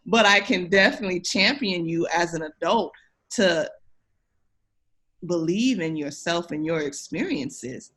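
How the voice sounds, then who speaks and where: Her voice is lowish and a bit bright, and she speaks at a measured pace. She's an education researcher guesting on a podcast, conversational and direct with listeners, emphatic and encouraging.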